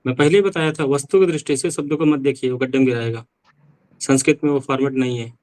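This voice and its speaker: A man's voice: mid-range voice, fairly even intonation, fast, darkish tone, low-quality recording. A man teaching an online class, questioning and correcting students with dry teasing. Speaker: Sanskrit teacher.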